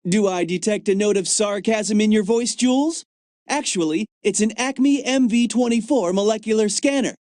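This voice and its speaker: A man's voice: sits high, moderate pace, a little mellow, no room sound, studio quality, lightly acted. A man voicing an upbeat young field agent in a video game, chatty and fond of jokes about gadgets and the cold. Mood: eager. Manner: chatty, jokey, enthusiastic. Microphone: dry studio mic.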